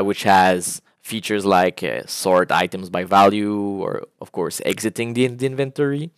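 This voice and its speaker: A man's voice: fairly low pitch, no echo, studio quality. A man, an indie game developer, casually walking through his game prototype with frequent "uh" fillers. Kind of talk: casual gameplay walkthrough.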